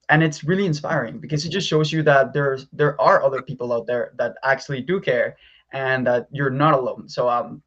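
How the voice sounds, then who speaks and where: A man's voice: mid-range voice, fairly bright tone, lo-fi sound. A young man from Mexico, a youth delegate, speaking earnestly with frequent ums over a video call. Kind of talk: online presentation.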